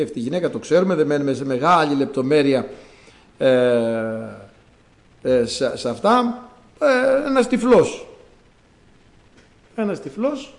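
A man's voice: fairly high pitch, echoey room. A male preacher giving a sermon, telling stories dramatically and acting out the quotes. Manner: dramatic storytelling with acted-out quotes.

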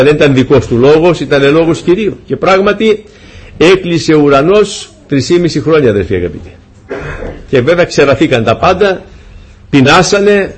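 A man preaching a sermon, retelling a scripture story in lively, humorous fashion and acting out the dialogue. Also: fairly high pitch, husky.

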